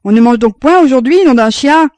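A woman reading an audiobook voices a blustering old father who bellows with gruff impatience. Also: medium pitch, expressive, a little fast, mellow, no room sound, close to an everyday voice. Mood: shouting.

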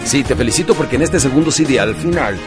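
A man's voice: medium pitch, animated, fast talker, music in the background. A man giving a motivational self-help audio talk. He acts out both sides of conversations and calls his listeners champions. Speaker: motivational speaker.

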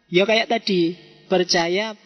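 A man's voice: sits high, fairly even intonation, slow pace. A man with a Javanese accent giving an informal philosophy lecture, conversational and teasing, with joking asides. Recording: dull lo-fi sound in a reverberant hall.

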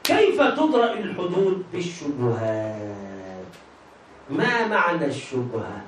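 A man with a notably high voice and an Egyptian accent leads a religious law class, prodding students with questions he leaves hanging for them to finish. He sounds set back from the mic in a roomy, echoing space with a faint hiss underneath. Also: very animated, moderate pace. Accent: Egyptian Arabic. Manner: quizzes students with prompting half-questions. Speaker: religious teacher. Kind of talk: classroom lesson on jurisprudence. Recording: echoey room, distant mic, faint hiss.

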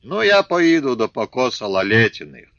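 A man voicing a loud peasant settler, shouting news. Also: medium pitch, very animated, normal speed, no echo, lo-fi sound. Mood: alarmed. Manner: bellowing announcement.

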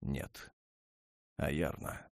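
A man voicing a commanding male dragon lord in an audiobook, speaking in a low, measured, restrained way. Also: no room sound. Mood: calm.

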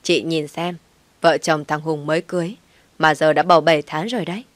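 A woman voicing a sharp-tongued, contemptuous older mother-in-law in an audio story, scolding loudly. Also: deep voice, fairly even intonation, fairly quick, no room sound, lightly acted.

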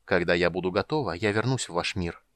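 A man reading the lines of a cold, commanding female goddess in an audiobook, slow and measured. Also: sits low, fairly bright tone, no room sound. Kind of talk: audiobook character voice.

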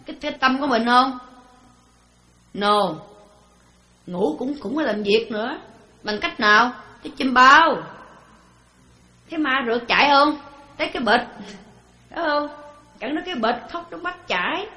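Woman dharma teacher, a fairly high voice, a conversational talk full of rhetorical questions, heard in a roomy space. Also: bright, forceful tone. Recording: roomy echo.

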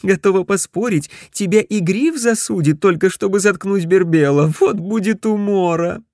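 A man voicing a perky young woman switchboard operator with a high, sing-song, mocking delivery. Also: normal speed, a little mellow, no room sound, clean studio sound. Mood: teasing.

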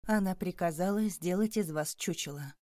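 A woman voicing a sorrowful male police chief who speaks in a measured, regretful way. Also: on the low side, darkish tone, no room sound, clean studio sound, lightly acted. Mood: grave.

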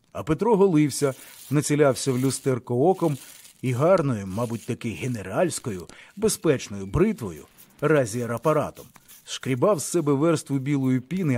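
A man narrating a literary audiobook in a measured, expressive way. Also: mid-range voice.

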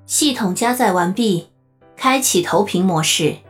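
Robot system startup line, even announcing tone, mid pitch, voiced by a woman narrator. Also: unhurried, soft background music. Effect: robotic machine voice.

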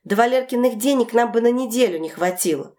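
A woman voicing an irritable, overworked adult woman who argues with her mother in a sharp, raised voice. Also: mid-range voice, lively intonation, moderate pace, close to an everyday voice. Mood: exasperated.

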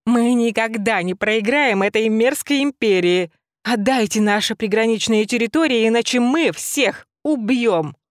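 A woman voicing a small, hysterical, foul-mouthed male rabbit with shrill, snarling yells. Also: lively intonation, takes it slowly, no room sound, studio quality. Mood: ranting.

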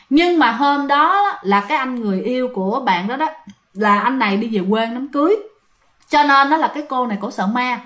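A woman's voice: a little high, a bit bright. A woman telling a ghost story in a chatty way, speaking straight to her listeners. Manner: chatty, addresses listeners directly.

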